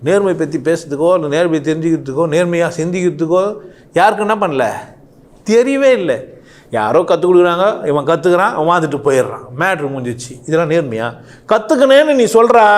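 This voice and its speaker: A man speaks in an impassioned monologue. His voice sits fairly high and leaps up and drops low as he stacks one rhetorical question on another. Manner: animated, rhetorical questions, rising and falling sharply.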